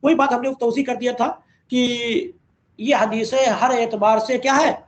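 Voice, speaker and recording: High-voiced man teaching a hadith lesson. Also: fairly even intonation, unhurried. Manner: recites chains of narrators in Arabic, then explains with rhetorical questions. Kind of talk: religious lesson, reading Arabic and explaining in Urdu. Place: online class over a call.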